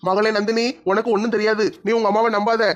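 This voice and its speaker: A man's voice: high-pitched, little pitch movement, fast talker, close to an everyday voice. An actor playing a drunken, shameless middle-aged father. He talks in a blustering, mock-pleading way. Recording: dull lo-fi sound.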